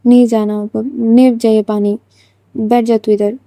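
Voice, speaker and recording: A woman's voice: on the high side, flat delivery, a little slow, mellow, no room sound, studio quality. A woman voicing a hot-tempered young female student who snaps and repeats angry questions.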